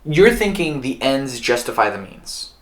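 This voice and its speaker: A young man, a recent high school graduate, chatting as a podcast guest in a joking, sarcastic way. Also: very animated, unhurried, fairly bright tone. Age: young adult. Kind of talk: casual chat. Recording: echoey room.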